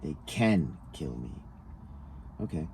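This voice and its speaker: Slow, animated, and dark in tone, a very deep male voice works through a written interview transcript, reading each speaker's part in turn. Noticeable background noise runs through the recording.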